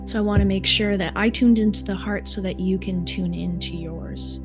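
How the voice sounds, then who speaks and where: A woman hosts a live session in casual, chatty talk. Her voice sits at a medium pitch, and she addresses her viewers in an animated, informal way. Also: normal speed, music in the background. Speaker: live stream meditation host.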